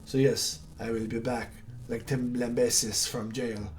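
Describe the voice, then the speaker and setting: A man's voice: medium pitch, little pitch movement, unhurried, a little hiss or hum, voice pushed down, natural voice. A man voicing a gloating male monster hunter villain in a game, with a theatrical, sneering drawl.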